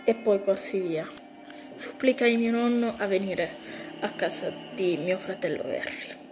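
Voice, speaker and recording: Woman reading a creepy story real slow, music playing under. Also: mid-range voice. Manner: slow, plain storytelling with slips. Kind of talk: creepypasta narration.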